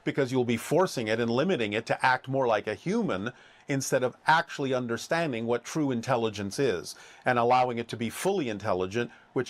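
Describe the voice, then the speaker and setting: A man with a mid-range voice answers questions formally and in measured tones. He speaks as "we" and slows down on key phrases.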